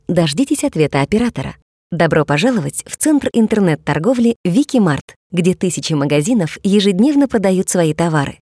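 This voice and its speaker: A woman's voice: lowish voice, dark tone, slightly rough, dry recording, studio quality. A woman reading scripted announcements in a polished, formal phone menu voice, like a customer-service greeting. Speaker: voice-over announcer for phone menus and adverts.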